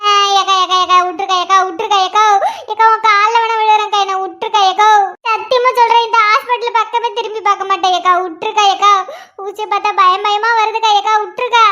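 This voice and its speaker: A woman's voice: very high-pitched, fairly even intonation, a little fast, sharp tone. A woman voicing a panicky young woman terrified of needles, who pleads and wails over and over in a cartoon. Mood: pleading. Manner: pleading, wailing, repetitive begging.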